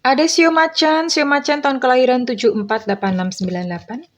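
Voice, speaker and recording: A tarot reader gives her viewers a casual reading, gentle and reassuring, calling them dear and slipping in English phrases. Her voice is high and steady, and she talks fast.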